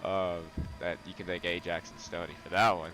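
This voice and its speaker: A man hosting a racing video, talking casually over the gameplay with a relaxed, rambling delivery full of ums. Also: sits low, fairly quick, very noisy. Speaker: racing video host and commentator. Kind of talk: casual race commentary.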